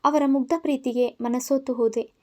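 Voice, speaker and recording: A woman storyteller narrating in the first person, reading with feeling and clear expression. Her voice is high and light throughout. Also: steady tone, moderate pace, a little mellow.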